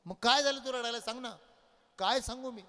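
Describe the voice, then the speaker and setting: A man's voice: very high-pitched, a little fast, bright, forceful tone, long reverb tail, voice pushed up, full character voice. A man voicing a devoted young male disciple who pleads through tears, in a sermon story. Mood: pleading.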